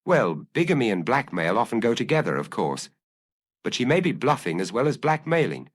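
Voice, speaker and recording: A man voicing a shrewd priest detective who speaks quietly and reflectively. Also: mid-range voice, very animated, a little fast.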